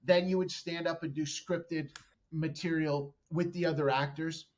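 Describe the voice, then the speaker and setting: Unhurried and fairly even in intonation, this man's fairly high voice comes through with the highs cut off. He's a Canadian comedian in his thirties on a podcast, spinning a long, profane, rambling story and breaking off mid-sentence.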